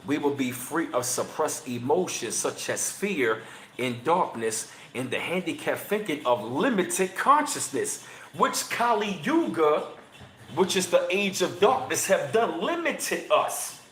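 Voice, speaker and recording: A man in his thirties hosting a casual livestream, chatting with viewers in slangy talk and reading passages aloud, his voice jumping high whenever he gets emphatic. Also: a little slow, reverberant, slight background noise. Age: 30s. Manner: excitable, voice jumps high when emphatic, slangy. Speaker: channel host.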